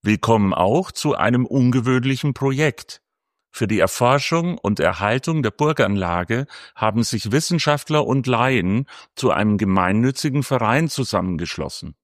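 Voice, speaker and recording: A man's voice: medium pitch, lively intonation, moderate pace, no echo, studio quality. A man narrating a scripted audio guide in a formal, welcoming manner.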